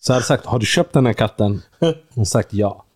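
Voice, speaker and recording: A man co-hosting a podcast, talking in a relaxed chat and acting out imagined scenes with bursts of laughter. His voice sits at an ordinary pitch, and a clear hiss and clicks run under the recording. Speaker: podcast co-host. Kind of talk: casual chat.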